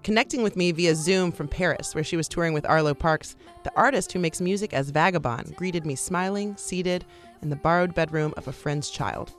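A woman's voice: fairly low pitch, moderate pace. Woman radio host narrating over faint music.

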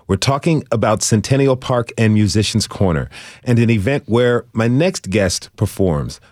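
A man's voice: on the low side, a little mellow, dry recording. Man hosting a radio interview, dry studio sound. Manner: easygoing, encouraging questions. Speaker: radio show host. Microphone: studio microphone.

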